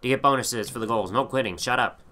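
A young man commentating a wrestling video game as he plays, excitable and full of profanity. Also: medium pitch, quick pace, slight background noise. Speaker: gaming channel host. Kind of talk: let's play commentary.

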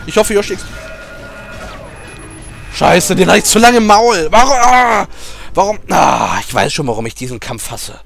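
A man giving excited gameplay commentary with a high, wildly swinging voice and a gravelly edge. He swears, cheers and yells at the screen, and faint game music plays behind him. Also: moderate pace, long pauses. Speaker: let's play gamer.

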